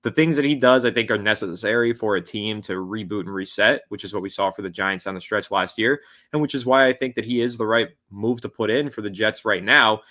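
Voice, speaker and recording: Male co-host, low, bright forceful voice, blunt opinions, casual chat. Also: fairly quick, hardly any pauses. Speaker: podcast co-host. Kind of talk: casual sports podcast chat.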